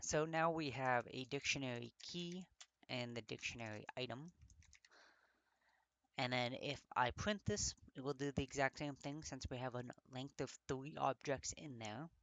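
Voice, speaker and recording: A man's voice: medium pitch, normal speed, fairly bright tone, no echo. A man giving a casual coding walkthrough, thinking aloud with many fillers and often getting tongue-tied and correcting himself. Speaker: coding tutor.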